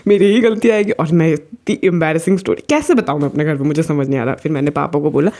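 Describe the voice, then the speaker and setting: Speaking fast in a deep, warm voice, a young female vlogger chats casually through a personal story. She keeps restarting her sentences and mixes English words into her speech.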